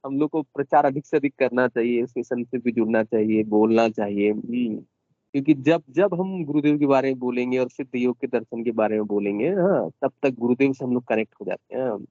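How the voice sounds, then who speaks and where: A man's voice: medium pitch, a little fast, warm tone, no room sound, lo-fi sound. A man hosting an online devotional session, affirming what he hears, repeating phrases and humming between thoughts. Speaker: host of the session. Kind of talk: devotional commentary. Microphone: video call.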